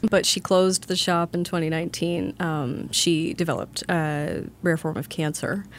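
Young Canadian woman, lower register, no-nonsense storyteller, faint rumble underneath. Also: steady tone, unhurried. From Ontario, Canada. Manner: frank, blunt storytelling with swearing. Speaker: guest florist. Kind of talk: casual podcast chat.

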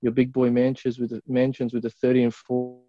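An Australian man giving a rambling business pitch over a remote call, and his audio keeps breaking up and cutting out. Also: monotone, brisk. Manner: loose, rambling pitch talk with restarts. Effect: call audio breaking up and dropping out. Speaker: real estate company co-founder, guest. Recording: dull, lo-fi call line.

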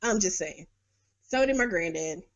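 A woman's voice: lowish voice, animated, moderate pace. A middle-aged woman from New York hosting a podcast, giving blunt, sarcastic political commentary with frequent laughs. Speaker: podcast host. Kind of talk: casual political commentary monologue.

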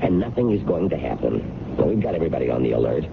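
Stubborn producer in a radio play, super deep n gravelly, muffled noisy recording. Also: male voice, sing-song, fast, exaggerated voice. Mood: defensive, stubborn. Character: stubborn, dismissive male show producer brushing off danger. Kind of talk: radio drama acting. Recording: muffled radio broadcast with rumbling noise.

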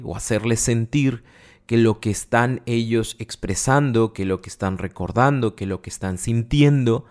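Man explaining. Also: lowish voice. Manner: conversational, explains patiently with many restarts and everyday examples. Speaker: speaker on relationships and emotions. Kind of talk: informal explanatory talk.

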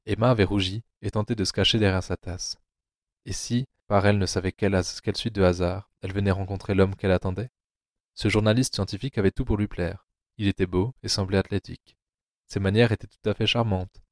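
A man narrating an audio drama adaptation of a novel in a low, steady storytelling voice. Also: a little fast, dry recording, studio quality.

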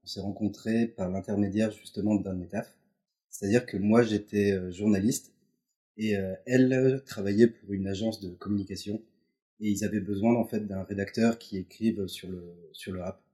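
A man's voice: on the low side, fairly even intonation, normal speed, warm tone. A man in his thirties, a guest telling stories loosely with lots of fillers, in a home setting. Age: 30s. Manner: loose, filler-heavy storytelling. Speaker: interview guest. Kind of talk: casual chat. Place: couple's apartment.

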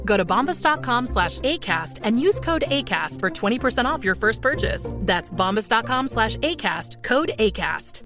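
A woman's voice: on the high side, sing-song, normal speed, few pauses. A woman reading a scripted promotional advertisement. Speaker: advert voice-over. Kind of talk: scripted ad read. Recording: clear music bed.

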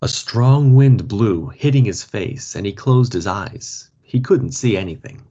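A man reading a story aloud for learners, slow and expressive. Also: on the low side. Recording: dull lo-fi podcast audio.

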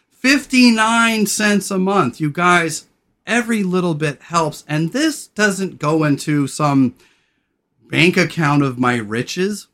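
A man hosting a podcast, brash and irreverent, loud radio-style delivery that drops to low, slow, soft talk when sincere. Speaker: podcast host. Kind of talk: casual podcast chat.

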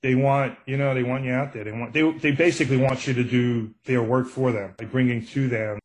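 A man's voice: medium pitch, steady tone, a little fast, poor audio. An older middle-aged man with a Brooklyn accent, talking casually and anecdotally as an author being interviewed. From Brooklyn, New York. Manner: anecdotal, acts out quoted exchanges. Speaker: true crime author, podcast guest.

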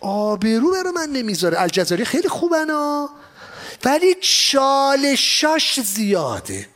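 A man giving an animated seminar lecture on exporting, asking rhetorical questions and mixing in English phrases. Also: very high-pitched. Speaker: export trainer. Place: exhibition hall.

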